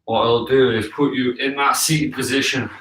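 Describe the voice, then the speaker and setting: A man's voice: mid-range voice, fairly even intonation, moderate pace, fairly bright tone. A man in his thirties giving casual, encouraging workout instruction, often checking in, recorded in a living room from a few metres away. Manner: encouraging, checks in with "okay?" and "all right?". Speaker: fitness coach leading a home workout. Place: living room with wooden floor, indoors. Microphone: camera a few metres away. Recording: echoey room, distant from the mic.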